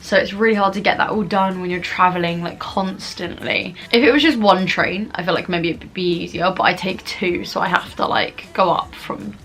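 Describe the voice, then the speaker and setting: A woman's voice: fairly low pitch, fairly even intonation, moderate pace, hardly any pauses, a bit bright, faint music behind. A young adult woman with a southern English accent chats casually in a rambling, informal mukbang vlog. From England, Kent. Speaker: vlogger answering viewer questions.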